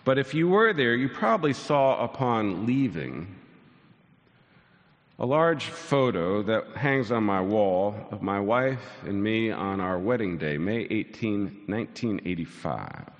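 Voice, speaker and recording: In a large sanctuary full of long church hall reverb, a pastor in his sixties delivers a sermon slowly in a lowish voice with lively intonation. He builds from dry, self-deprecating stories to soaring lines, and the recording's highs are cut off.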